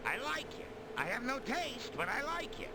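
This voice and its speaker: A man's voice: very high voice, very animated, normal speed, heavily acted. A man voicing a brash, chummy joke-telling trickster in a video game, slangy and showy. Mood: chummy, teasing. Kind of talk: cartoonish video game acting. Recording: loud background noise.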